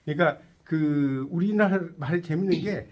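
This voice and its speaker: A man's voice: a little high, normal speed, lo-fi sound. A man teaching a tarot lecture to a class, quizzing his students and cracking jokes as he explains. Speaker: tarot instructor.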